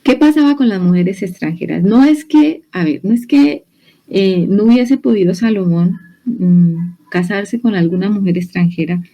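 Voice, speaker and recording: A woman's voice: medium pitch, normal speed, dark tone, rough recording. A Colombian woman with a Colombian Spanish accent, teaching a Bible study in a church in a chatty, explanatory way, often restarting her sentences. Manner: explanatory, conversational, with many restarts. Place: church hall.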